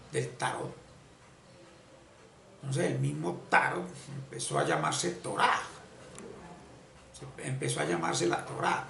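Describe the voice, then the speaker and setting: A man giving an unscripted esoteric religious lecture, halting and repeating phrases as he searches for words. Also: mid-range voice, vocal fry, a bit bright, recorded from a distance, slight background noise. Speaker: esoteric spiritual teacher. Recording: echoey room, voice off-mic, faint ambience.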